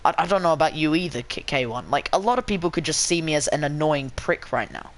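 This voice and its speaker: A man's voice: a little high, expressive, quick pace. A man doing live commentary on a sim race late at night, rambling and self-mocking, with many fillers and restarts.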